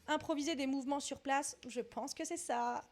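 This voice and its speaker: A woman's voice: sits high, moderate pace. A young woman doing a dance quiz in a casual vlog, thinking aloud, swearing often and teasing herself.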